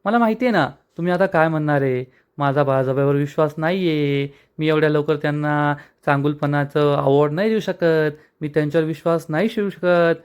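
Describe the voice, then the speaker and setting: A man voicing a calm, persuasive young married woman from a TV serial, speaking earnestly as he retells the scene. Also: a little high, fairly quick, hardly any pauses, clean tone, natural voice. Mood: coaxing.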